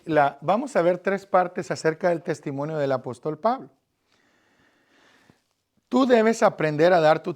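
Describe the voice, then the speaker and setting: A man from Guatemala with a Guatemalan accent, giving an earnest Bible lesson on evangelism and speaking directly to the listener with frequent fillers. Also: a little high. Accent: Guatemalan Spanish. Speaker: evangelism teacher.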